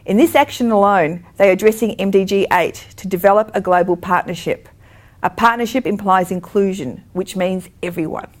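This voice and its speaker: A woman giving a scripted narration in a measured, formal way. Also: medium pitch.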